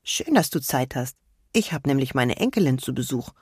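A kind grandmother from a storybook, as a woman reads her, welcoming and friendly. Her voice is low and a little husky, recorded close and dry. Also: sing-song, normal speed, no echo, full character voice. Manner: warmly welcoming.

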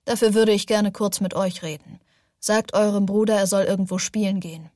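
A woman's voice: mid-range voice, steady tone, brisk, dark tone, no room sound, clean studio sound, close to an everyday voice. A woman reading the lines of a stern, cold male official in an audiobook, curt and clipped.

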